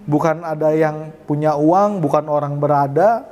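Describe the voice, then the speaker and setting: Animated storytelling man. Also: moderate pace. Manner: lively, acts out quoted voices with raised pitch. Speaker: guest sharing testimony.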